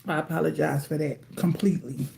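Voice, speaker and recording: A woman's voice: sits low, fairly even intonation, a little fast, creaky, noisy background. A woman doing a casual livestream tarot reading at home, chatty and informal, calling her viewers y'all and eating as she talks. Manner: chatty, eats while talking, addresses viewers as y'all. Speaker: tarot card reader. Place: at home with TV playing.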